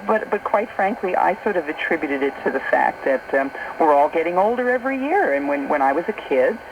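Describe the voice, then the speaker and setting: A middle-aged American woman hosts a late-night radio talk show, her low, expressive voice moving fairly quickly in a chatty, informal, anecdotal style. The recording is muffled, with noisy shortwave audio.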